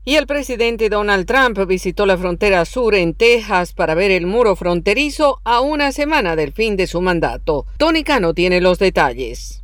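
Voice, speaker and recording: Animated woman announcing AM radio news. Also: mid-range voice, moderate pace, few pauses, dry recording, clean studio sound. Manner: formal broadcast announcing. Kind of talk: AM radio news headlines, scripted.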